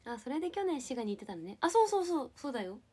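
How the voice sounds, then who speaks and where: A woman's voice: high-pitched, sing-song, very fast, a little mellow, breathy edge. A young woman from Japan casually chatting with viewers on a livestream, playful and giggly as she answers comments. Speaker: live streamer.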